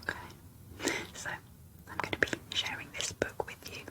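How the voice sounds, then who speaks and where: A woman doing a whispered role-play in a soft, unvoiced ASMR whisper, speaking slowly and deliberately. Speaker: ASMR video creator.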